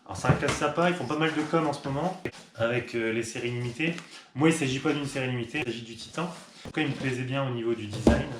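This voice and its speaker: A man's voice: mid-range voice, fast talker. A man who runs an online shop, chatting casually and upbeat with fillers as he unboxes a product. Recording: echoey room with clear background noise.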